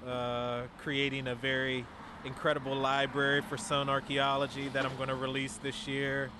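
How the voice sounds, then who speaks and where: A man's voice: medium pitch, monotone. Enthusiastic young man recorded on the street. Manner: enthusiastic, halting, laughing. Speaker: sound artist guest. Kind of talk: casual interview. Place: outdoors by a street and parking garage. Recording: outdoor street recording with traffic. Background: traffic and vehicles.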